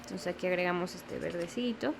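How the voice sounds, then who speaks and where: A woman's voice: on the low side, brisk, gravelly, background noise. A young woman teaching a step-by-step watercolor lesson, patiently explaining and often checking in with the viewer. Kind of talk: step-by-step painting tutorial.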